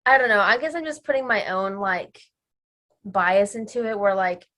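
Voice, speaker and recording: A woman's voice: medium pitch, expressive, normal speed, pushed and bright. A middle-aged woman chatting casually about a movie with her son, blunt and wry in her remarks. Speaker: podcast guest, host's mother.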